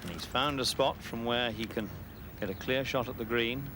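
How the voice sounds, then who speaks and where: A man giving explanatory live golf commentary in a measured, analytical manner. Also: mid-range voice. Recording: clear outdoor background noise.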